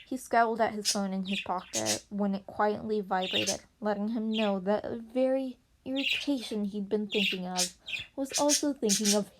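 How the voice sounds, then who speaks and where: A woman with a medium-pitched voice reads fan fiction narration aloud at a moderate pace as an amateur podfic reader. The recording is noisy and amateur, with birds chirping.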